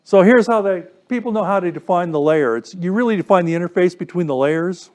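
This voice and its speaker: A man with a high-sitting, darkish voice speaks a little fast as he gives an informal technical talk to radio club members, laying out each step and questioning his listeners along the way.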